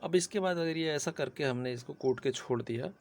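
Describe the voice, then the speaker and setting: A man's voice: fairly high pitch, fairly quick. A man with a sore throat giving a chatty civil engineering lecture, often checking in with his listeners. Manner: chatty, repeats "theek hai" often. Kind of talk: casual Hindi classroom lecture.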